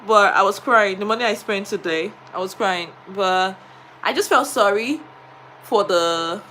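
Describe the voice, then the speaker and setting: A woman's voice: medium pitch, unhurried, sharp tone, slight background noise. A woman with a Nigerian accent, a teacher, chatting on a live stream and telling a story with many fillers. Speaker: vlogger and teacher.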